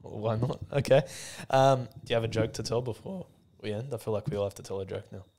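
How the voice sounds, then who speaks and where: A man's voice: on the low side, fairly quick, darkish tone. A man hosting a casual podcast chat, speaking in a laid-back, matey way full of slang. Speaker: podcast host.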